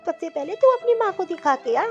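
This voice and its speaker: A woman voicing a gentle, caring older mother-in-law in a cartoon story, talking softly and fondly. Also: extremely high pitch, animated, a little fast, faint music behind, voice pushed down. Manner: soft, fond, soothing. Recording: dull lo-fi audio.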